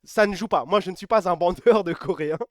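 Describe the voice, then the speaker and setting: A man talking on a live stream from his home setup, lively and emphatic, often repeating phrases and throwing in swear words. His voice sits high for a man. The sound is close and dry, with no room around it. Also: brisk, no echo. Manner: excitable, emphatic, repeats himself, swears freely. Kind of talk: casual live-stream chat.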